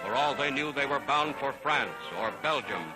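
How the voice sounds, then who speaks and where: A man's voice: mid-range voice, normal speed, low-quality recording. A man giving grand, declamatory scripted narration for an old wartime newsreel. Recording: narration over loud music.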